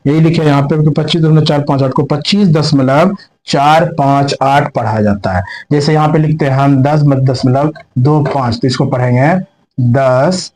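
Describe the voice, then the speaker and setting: The recording is low-quality, capturing a slightly high, slightly mellow male voice. He's teaching maths in a classroom, working on the board, answering his own questions, restating each step, and using some English terms.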